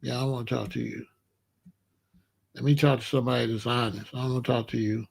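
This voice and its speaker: A husky, mid-range male voice with vocal fry speaks fast in a steady tone, ranting to chat on an unscripted live commentary stream. The host is blunt, repetitive and combative as he calls out a viewer in the chat.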